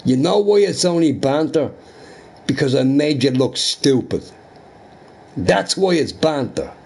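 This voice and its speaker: A man, a live streamer ranting at a viewer in a mocking, repetitive and profane way, sometimes sinking to a low mutter. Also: a little mellow. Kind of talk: angry rant at a chat viewer.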